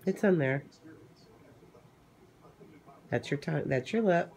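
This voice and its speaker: Casual teasing voice with a medium pitch. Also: expressive, takes it slowly, vocal fry, darkish tone. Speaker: companion filming a recovering patient. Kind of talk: casual chat, simple questions.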